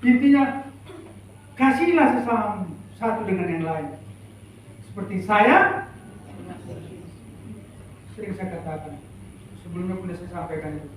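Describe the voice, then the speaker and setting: A man's voice: sits high, animated, measured pace, long pauses, slight background noise. A man preaching a sermon as pastor, emphatic and calling out to the congregation for replies. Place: church sanctuary. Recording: echoey church hall, mic far off.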